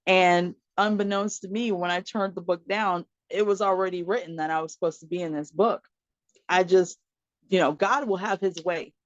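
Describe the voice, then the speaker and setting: An animated woman guest telling her own story, jumping into the voices of the people she quotes and laughing along the way. The sound is dull and lo-fi, like remote call audio. The room is dry and close, with no echo. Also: on the low side, normal speed. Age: adult mother of four. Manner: frequent laughter and fillers. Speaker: podcast guest. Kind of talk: personal storytelling in conversation.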